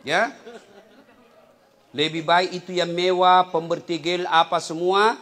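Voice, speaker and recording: Male preacher, high voice, animated and comic delivery. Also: slow, a faint crowd. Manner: animated, jokes and acts out scenes, shouts takbir. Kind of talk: humorous sermon.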